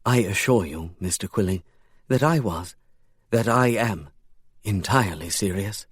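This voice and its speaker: A man reading the part of a drab, nervous Englishman with an English accent, speaking quietly and earnestly. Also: lowish voice, expressive, a little slow, breathy edge, dry recording. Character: drab nervous thin Englishman plotting a murder.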